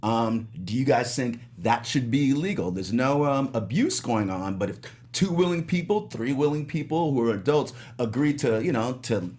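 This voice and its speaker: A man on a review show panel in a studio, musing out loud and rambling with many restarts. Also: medium pitch, lively intonation, normal speed. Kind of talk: casual panel discussion. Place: studio in California.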